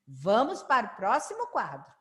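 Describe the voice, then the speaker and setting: A woman's voice: fairly high pitch, huge pitch swings, bright, forceful tone. A woman teaching a children's literacy lesson, drawing out syllables and asking the children to read along. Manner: slow, drawn-out syllables for children to repeat; sing-song, encouraging classroom prompts.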